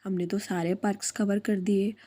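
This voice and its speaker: A woman's voice: mid-range voice, level tone, moderate pace, dark tone, close to an everyday voice. A woman reading out a bored young female friend who complains casually.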